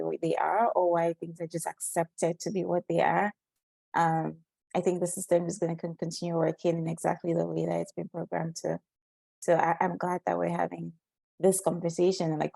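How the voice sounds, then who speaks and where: A young woman from Cameroon, a guest on a podcast, speaking in a thoughtful, measured way. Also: fairly low pitch, gravelly, warm tone, no room sound. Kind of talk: conversational interview.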